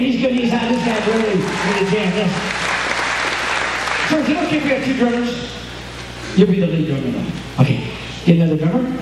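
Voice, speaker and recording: A man working a live stage show as a hypnotist, teasing and playful with volunteers, recorded on a distant home video camera in a large hall. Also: very high-pitched. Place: large hall at an after-prom event. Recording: echoey hall, far from camcorder, noisy.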